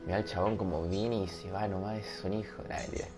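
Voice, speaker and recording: A man's voice: deep voice, fairly even intonation, fast talker, music in the background. A young man with a Rioplatense accent, rambling and joking with his viewers over a headset mic. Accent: Rioplatense Spanish. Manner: rambling, joking, laughs at himself. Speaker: streamer. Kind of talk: casual gaming livestream chat. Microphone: headset microphone.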